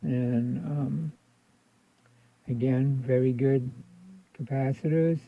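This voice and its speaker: At an indoor electronics workbench, a man gives a casual hands-on repair tutorial, thinking aloud and repeating his points. His medium-pitched voice is fairly even and slow, with no room sound, though the recording is thin and band-limited like a phone.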